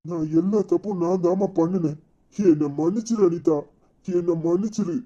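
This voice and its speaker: A man's voice: high voice, moderate pace, warm tone, muffled recording. A man voicing a remorseful elderly father in a cartoon serial, with a Tirunelveli Tamil accent, humbly pleading for forgiveness. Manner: humble, pleading, meek agreement.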